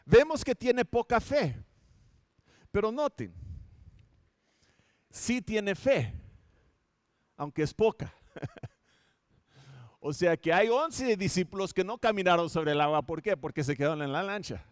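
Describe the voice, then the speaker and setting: Clear, high-voiced man preaching. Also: lively intonation, normal speed, long pauses, no echo, studio quality. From Minnesota, United States. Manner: storytelling, self-correcting, with light humor. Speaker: pastor. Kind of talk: conversational sermon. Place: home setup for an online church service.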